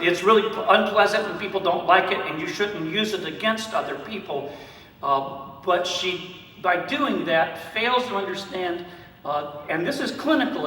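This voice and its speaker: A man's voice: sits high, pushed and bright. A man with a Southern US accent, a priest giving a conversational talk with humorous stories and frequent fillers. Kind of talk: conference talk with anecdotes. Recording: echoey hall, speaker far from mic.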